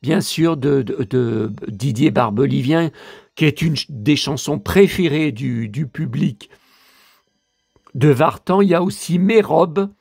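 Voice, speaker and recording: A man's voice: a little high, takes it slowly, creaky, darkish tone, slightly rough. A man from the Lyon area talking in a casual vlog, rambling and chatty as he shows his purchases, with bursts of exasperated complaint. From Lyon area, France. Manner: rambling, chatty, many fillers and tag questions. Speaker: vlogger.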